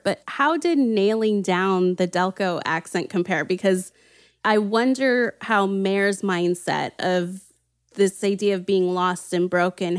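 A woman's voice: medium pitch, dry recording, studio quality. A woman interviewer asking conversational questions over a video call.

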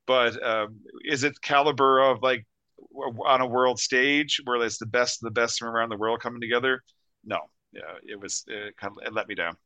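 Canadian dude guesting on a pod, earnest, lots of um and you know, bright voice. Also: male voice, mid-range voice, fairly even intonation, moderate pace, dry recording. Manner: earnest, many fillers and restarts. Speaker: podcast guest. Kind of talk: casual chat.

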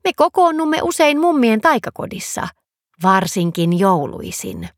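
A woman's voice: on the high side, wildly swooping pitch, no room sound, clean studio sound. A woman voicing a friendly, easygoing magical fox in a storybook reading.

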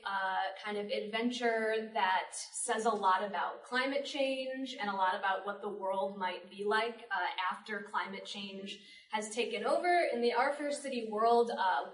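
A woman with a slightly high voice hosts a live panel in a public library event room, moderating casually and conversationally at a moderate pace. The recording is roomy, taken from a distant mic.

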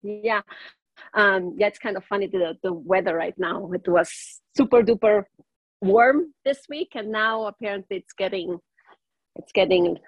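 This guest is a native German speaker from northern Italy whose German accent colors her casual interview talk. She hesitates, says um a lot, and laughs between lines. Her medium-pitched voice moves unhurriedly over lo-fi sound without echo.

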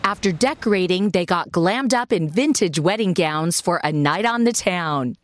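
A woman's voice: fairly low pitch, animated, normal speed, no room sound, clean studio sound. A woman reporter narrating a scripted television news package.

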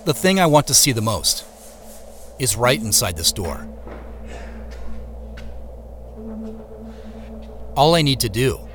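An actor voices an introspective male scientist in a first-person audio drama, shifting between narration and dialogue with a mood of hushed suspense. His mid-range voice is sing-song and a bit bright, at a normal pace, with a slight hiss or hum in the audio.

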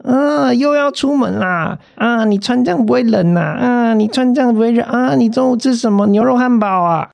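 A man imitating a chatty, nosy male building guard who peppers people with small-talk questions in a high sing-song voice. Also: moderate pace, gravelly, few pauses, darkish tone. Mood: prying cheerful.

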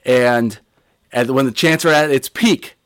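A man in his forties casually telling a funny story, animated and laughing as he acts out the scene. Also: medium pitch, measured pace, smooth, no room sound, studio quality.

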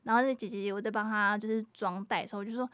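A woman's voice: mid-range voice, racing, clear, resonant tone, no echo. A woman, co-hosting a podcast and telling a work story while acting out the customers. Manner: animated storyteller, acts out customers. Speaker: podcast co-host. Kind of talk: casual chat.

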